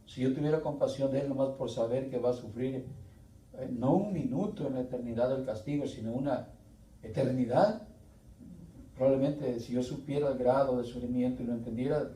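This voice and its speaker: Earnest preacher in an echoey church. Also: male voice, medium pitch, mellow. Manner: slow, earnest, with pauses and restarts. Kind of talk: sermon. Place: church hall. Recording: echoey church room, voice from far off, faint music.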